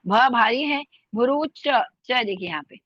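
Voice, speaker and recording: A woman's voice: a little high, expressive, fairly bright tone, no echo. Patient woman teacher drilling sounds. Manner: slow careful drilling of sounds, repeating words. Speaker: online language teacher. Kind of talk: spoken language lesson. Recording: dull lo-fi sound.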